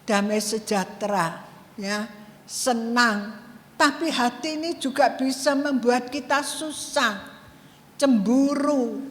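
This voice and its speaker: Slow, high-voiced older woman pastor. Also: a bit bright. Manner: chatty, storytelling, mixes in local slang. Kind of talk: sermon. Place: large church hall. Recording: long church-hall reverb.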